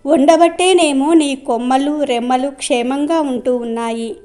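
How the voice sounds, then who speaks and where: A woman voicing a wily flattering old sage. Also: high voice, measured pace, faint music behind. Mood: coaxing. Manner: coaxing, flattering.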